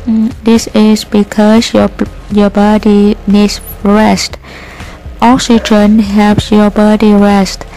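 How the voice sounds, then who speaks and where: A woman reading the part of a patient adult schoolteacher, explaining calmly in a slow, steady read with hesitant fillers. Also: mid-range voice, slight background noise, poor audio.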